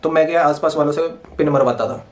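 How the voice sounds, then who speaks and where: A young man rattles off a casual story at a breakneck pace, full of slang and cheerful swearing. His voice sits a little above the usual male pitch. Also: steady tone. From Punjab, India. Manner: rapid, slangy, swears freely. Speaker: vlogger, medical student.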